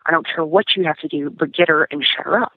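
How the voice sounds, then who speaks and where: Speaking fast in a deep voice, a woman guest casually relates a personal experience, restarting often and leaning on fillers. The phone-line audio is tinny and dry, with no echo.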